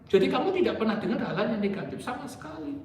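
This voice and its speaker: A male pastor preaching a lively sermon to his congregation, joking with them and acting out the people he quotes. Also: extremely high pitch, very fast, roomy sound, far from the mic. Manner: animated, jokes with the congregation, acts out quoted speakers. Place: church sanctuary.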